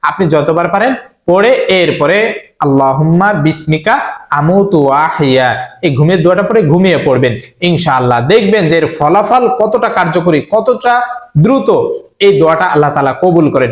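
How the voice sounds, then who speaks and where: A man's voice: on the high side, expressive, reverberant. A man giving earnest religious instruction, speaking directly to the listener and repeating his points. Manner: slow chanted Arabic recitation. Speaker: Islamic preacher.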